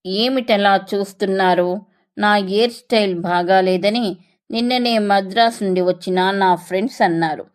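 A woman's voice: mid-range voice, a little mellow, natural voice. A woman voicing an affectionate young wife in a story reading, sweet-talking and pleading. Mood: coaxing.

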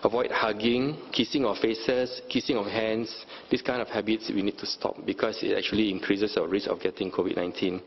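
A man with a low voice explains things in an interview, pausing and restarting hesitantly. The sound is slightly muffled, and faint noise sits behind him. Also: steady tone.

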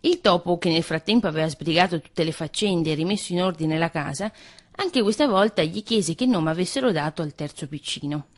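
A woman reading a fairy tale aloud as a radio storyteller, in an expressive, lilting manner. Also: on the low side, a little fast.

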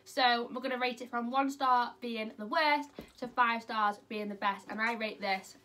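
A woman's voice: fairly high pitch, fairly even intonation, normal speed, sharp tone, slight background noise. Cheerful young British woman vlogging. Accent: British English. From United Kingdom. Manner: cheerful, upbeat, chatty. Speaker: YouTube vlogger host. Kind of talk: casual chatty vlog. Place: at home, indoors.

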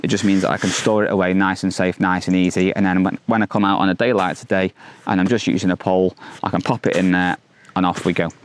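A man in his thirties hosting a fishing channel, reviewing a product to camera outdoors by a lake, upbeat and enthusiastic with frequent fillers and restarts, on a lapel mic. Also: on the low side. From England.

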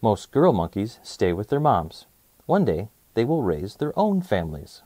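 Here the male host reads children's nonfiction aloud in an expressive, clearly spoken storyteller's manner for a young audience. His pitch is fairly low and his delivery a little slow, recorded without echo.

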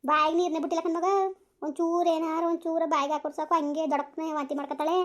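A woman's voice: high voice, little pitch movement, fast, close to an everyday voice. A woman voicing a worried village mother who nags and pleads with her family. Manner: pleading, scolding. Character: worried village mother, nagging but caring. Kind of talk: village family drama acting.

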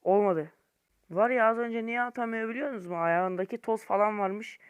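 A young man giving casual gameplay commentary to viewers in an informal, slangy way, swinging between low muttering and frustrated shouting. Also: level tone, quick pace, smooth. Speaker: gaming YouTuber.

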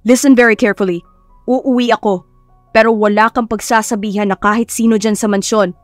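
A woman's voice: fairly high pitch, brisk, a little mellow, dry recording, soft background music, lightly acted. A woman voicing a curt, short-tempered young rich man in an audio story. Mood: angry. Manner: curt, irritated, mixes English phrases.

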